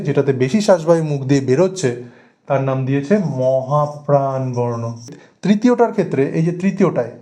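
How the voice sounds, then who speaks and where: A man's voice: a little high, a little mellow. A man teaching a grammar lesson at a board, repeating key terms and stressing them.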